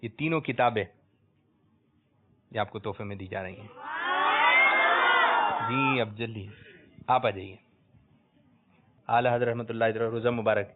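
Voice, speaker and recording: A man hosting a religious quiz for children, coaxing answers out of them and loudly praising the correct ones. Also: fairly low pitch, long pauses, a loud crowd, heavy background noise. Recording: tinny lo-fi phone-like sound.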